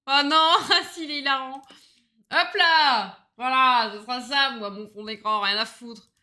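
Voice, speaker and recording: A woman's voice: high-pitched, unhurried, bright, forceful tone. A woman streaming a game, chatting casually in a rambling, self-mocking way, laughing often and swearing freely. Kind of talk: casual gaming livestream chat.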